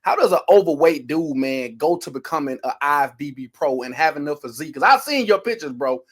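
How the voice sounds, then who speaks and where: A man hosting a casual interview, talking in a slangy, excitable way and laughing often. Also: on the high side, a little fast. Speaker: interview host.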